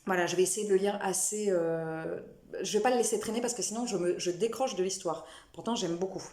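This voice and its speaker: Chatty young female vlogger, warm tone, casual and self-mocking. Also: medium pitch, fairly quick, echoey room. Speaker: book vlogger. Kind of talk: casual chat to camera.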